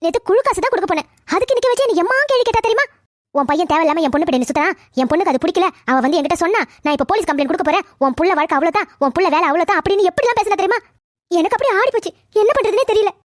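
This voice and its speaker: Shrill rapid-fire cartoon mother, voiced by a woman. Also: expressive, dry recording, clean studio sound. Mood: pleading. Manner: rapid, shrill, pleading and quarrelsome. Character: scolding middle-aged mother, defensive and tearful. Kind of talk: cartoon family drama voice acting.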